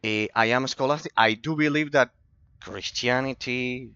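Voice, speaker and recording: A man's voice: mid-range voice, moderate pace, pushed and bright, smooth, no room sound, highs cut off. A man from Argentina, streaming a game while answering chat and rambling about philosophy, often repeating himself. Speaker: gaming streamer. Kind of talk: casual commentary while gaming, replying to chat.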